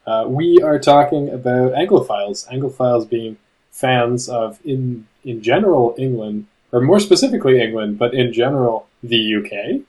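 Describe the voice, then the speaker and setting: A man with a Canadian accent co-hosting a podcast, relaxed and self-deprecating as he reads out definitions. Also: medium pitch, low-quality recording. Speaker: podcast co-host. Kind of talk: casual podcast chat.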